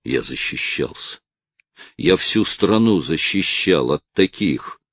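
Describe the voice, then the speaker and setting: A man's voice: a bass voice, lively intonation, takes it slowly, fairly bright tone, no echo, clean studio sound, heavily acted. A man voicing an angry, defiant young male vigilante who argues in a heated, raised voice.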